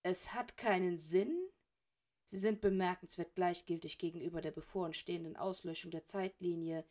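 A woman's voice: lowish voice, steady tone, a little fast, mellow, natural voice. A woman reading as a dry, sarcastic middle-aged male wizard in a storybook, close to her own voice. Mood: sardonic. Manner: dry, sardonic. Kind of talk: audiobook character reading.

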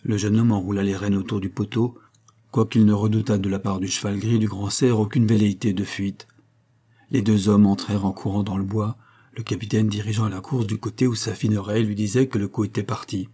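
A man reading a French novel aloud as audiobook narration, measured and even. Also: on the low side, slightly rough. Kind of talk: scripted narration.

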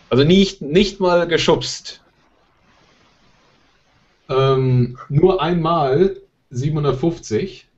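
Halting man reading out statistics. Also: medium pitch, mellow. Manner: halting, stumbling over numbers. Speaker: podcast co-host. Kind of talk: reading out survey statistics in casual chat. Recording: dull lo-fi sound.

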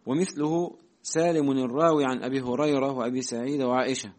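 A male student in a class reads a classical Arabic text aloud to his teacher, steadily and fast, and answers briefly. His mid-range voice is steady in tone and a little mellow.

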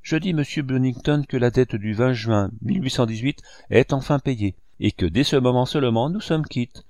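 A man reading the lines of a cold, bitter young male cashier bent on revenge, measured and cutting. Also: medium pitch, a little mellow, dry recording, studio quality, pitched above the performer's own voice, natural voice. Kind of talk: audiobook character reading.

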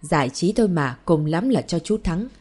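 A woman reading the lines of a calm, devoted young husband and father in an audiobook, with a gentle, reassuring manner. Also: a little high, moderate pace, slightly rough.

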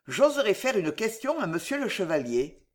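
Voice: medium pitch, big pitch swings, moderate pace, lightly acted. Humble giant doorkeeper, as the reader puts him on, deferential, audiobook. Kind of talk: audiobook character reading.

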